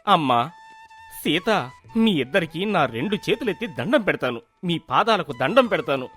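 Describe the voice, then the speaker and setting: A man's voice: on the high side, big pitch swings, moderate pace, fairly bright tone, faint music behind. A man voicing a weary young farmer husband in a cartoon, pleading and exasperated, caught between quarrels. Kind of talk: cartoon voice acting.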